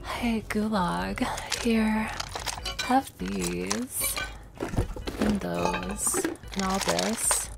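A man's voice: sits high, fairly even intonation, drawn-out words, creaky, heavy background noise, pitched above the performer's own voice, heavily acted. A man talking through a voice changer filter that makes him sound like a girl, playfully pushing items on strangers in casual in-game trolling chat. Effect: voice changer filter making him sound like a girl.

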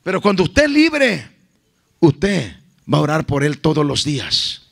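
A man's voice: a little high, huge pitch swings, measured pace, gravelly. A man preaching a sermon as a guest evangelist at a church service, impassioned and calling out to his listeners as beloved brothers.

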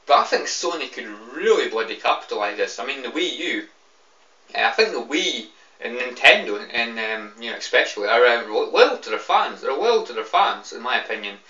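In a small indoor room, a young British video game fan, tipsy and irritated, rambles and swears through a casual rant to camera, circling back on the same points. His sharp mid-range voice moves briskly with big pitch swings, and the webcam recording is roomy, distant, and a bit dull.

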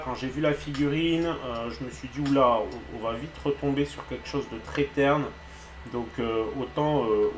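A man with a French accent, hosting a live painting stream in a relaxed, chatty way and often pausing with hesitant fillers. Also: medium pitch, reverberant, slight background noise.

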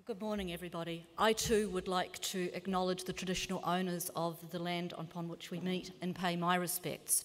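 A woman in her fifties with a New Zealand accent, giving a measured, earnest keynote lecture as a climate scientist in a large lecture hall. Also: on the low side. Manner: measured, earnest, occasional self-corrections. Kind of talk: formal conference lecture. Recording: long hall reverb.

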